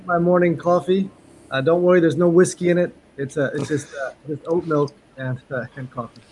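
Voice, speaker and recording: A man's voice: fairly high pitch, a little fast, darkish tone. A man giving a casual, chatty interview as a guest, often repeating words for emphasis. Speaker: interview guest, martial arts instructor. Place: remote call from Japan. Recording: clear ambient background noise.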